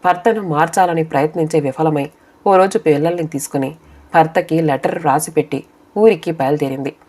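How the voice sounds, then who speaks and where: A woman narrating a scripted short story in a steady storytelling manner for an audiobook channel. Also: low-pitched, brisk.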